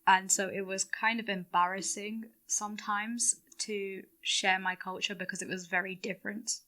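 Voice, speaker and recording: A woman's voice: medium pitch, fairly even intonation, moderate pace, sharp tone. A teenage female student speaking thoughtfully and asking questions in a school podcast discussion. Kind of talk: casual discussion.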